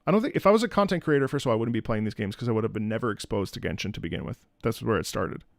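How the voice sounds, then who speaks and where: Streaming from home, a content creator chats casually with viewers, rambling and opinionated, often repeating and restarting his phrases. His fairly low voice is animated and rapid-fire with vocal fry. It's a studio-quality recording with no echo.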